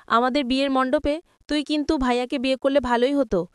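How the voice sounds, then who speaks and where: An emotional young bride, as a woman narrator puts her on, heartfelt and earnest, in a higher clear voice. The sound is close and crisp, with no room echo. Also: fairly even intonation, fast, lightly acted. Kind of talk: storybook retelling of a TV serial.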